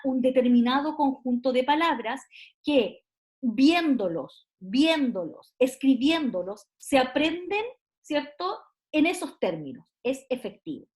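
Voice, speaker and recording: High-voiced woman lecturing. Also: darkish tone. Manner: frequent fillers and tag questions. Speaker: university lecturer. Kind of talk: online class lecture.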